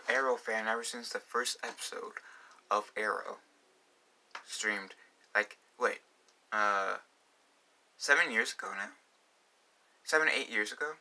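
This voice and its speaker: A man's voice: lowish voice, bright, forceful tone. A young man talking casually in a fan vlog, rambling with many fillers and restarts. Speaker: vlogger.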